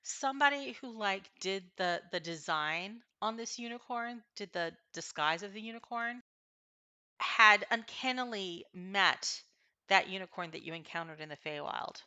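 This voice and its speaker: A woman narrating a tabletop fantasy game as game master, improvising haltingly as she thinks aloud. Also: mid-range voice, animated, pushed and bright, clear, resonant tone, muffled recording.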